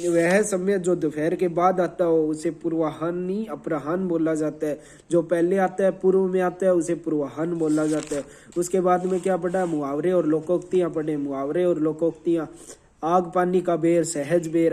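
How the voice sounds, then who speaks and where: High, mellow-voiced man drilling revision. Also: steady tone, moderate pace. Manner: repeats and quizzes, spells words letter by letter. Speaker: teacher. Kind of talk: quick revision lesson.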